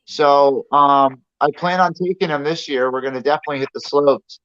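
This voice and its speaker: A man's voice: a little high, moderate pace, a bit bright, clear, resonant tone, muffled recording. A man from New Jersey hosting a casual livestream, rambling and laid-back and swearing freely. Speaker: livestream host. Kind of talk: casual chat.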